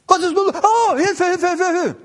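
Brief: man playing a frantic, whiny male believer, pleading and very high. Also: a little slow, long reverb tail. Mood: panicky wailing. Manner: wailing, high-pitched pleading. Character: panicky whining male believer crying for help.

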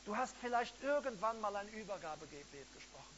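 A male preacher giving an altar call during a sermon, swinging between loud emphatic peaks and soft, intimate pleas. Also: high voice, animated, fast talker. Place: church service hall. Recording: dull lo-fi sound with faint hum.

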